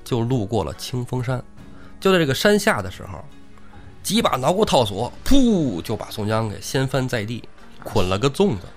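A male podcast co-host retelling a classic tale in an animated, humorous way. His pitch is mid-range but swings very expressively. Faint background music runs under his voice. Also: normal speed. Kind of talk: lively storytelling chat.

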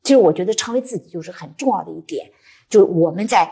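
A woman's voice: lowish voice, expressive, fast talker, creaky, mellow, slightly rough. A woman literature professor speaking reflectively at a live book-club talk, explaining her points step by step.

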